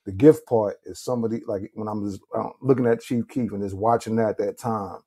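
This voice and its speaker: A podcast co-host in a casual group chat talks in long, rambling runs, restarting often and saying "you know what I'm saying." His voice is on the low side, warm and slightly rough, with a steady tone and a brisk pace.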